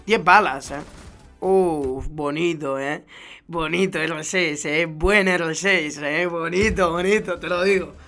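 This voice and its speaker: A young man with a Spain Spanish accent commenting on gameplay videos, swinging from low mumbled asides to loud profane shouts. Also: steady tone, slow, faint music behind. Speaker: gaming YouTuber reacting to gameplay. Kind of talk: excited game commentary.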